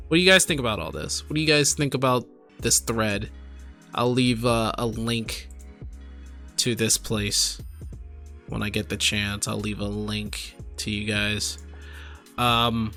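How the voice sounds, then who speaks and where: Here a man with a pushed, bright mid-range voice streams while tipsy. He's a gaming video host offering loose, rambling reactions, full of exclamations and direct remarks to his audience.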